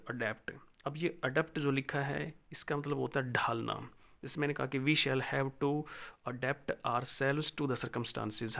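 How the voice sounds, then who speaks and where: Gravelly Indian teacher explaining vocabulary. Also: male voice, mid-range voice, fairly bright tone. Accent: Indian English. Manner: slow, deliberate dictation of example sentences. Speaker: English teacher.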